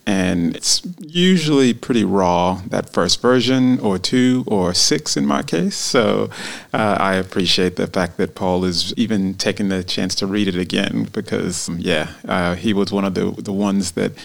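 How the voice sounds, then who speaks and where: Low gravelly man, enthusiastic. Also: measured pace, few pauses. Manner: enthusiastic, giggly. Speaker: podcast co-host and author. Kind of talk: casual chat.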